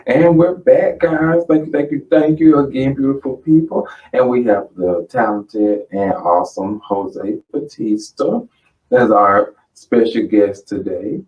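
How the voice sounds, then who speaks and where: A man's voice: mid-range voice, a little slow, recorded from a distance. A man hosting a casual radio interview, loose and rambling, laughing often. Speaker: radio show host. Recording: lo-fi, from off the mic.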